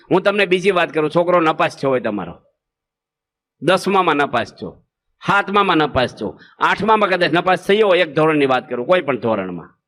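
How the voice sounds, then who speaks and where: A man's voice: fairly high pitch, fairly bright tone. A man with a Gujarati accent giving a humorous sermon as a monk, asking the audience rhetorical questions and acting out parents and children. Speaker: monk preacher.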